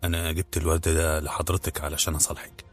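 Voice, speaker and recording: A man's voice: low voice, fairly even intonation, fast, faint music behind, close to an everyday voice. A man voicing an anxious young man who stammers and pleads. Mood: pleading.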